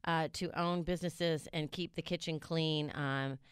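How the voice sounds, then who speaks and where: A woman's voice: sits low, fairly even intonation, unhurried, clear, resonant tone, no room sound, clean studio sound. A woman hosting a radio talk show, reading items aloud and joking playfully. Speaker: radio host. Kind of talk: casual radio chat.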